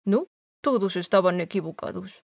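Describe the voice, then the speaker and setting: A woman's voice: mid-range voice, moderate pace, a little mellow, dry recording, lightly acted. A woman voicing a timid aging little man who poses as a great wizard, speaking meekly and shakily in an audiobook. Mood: humble. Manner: shaky, meek.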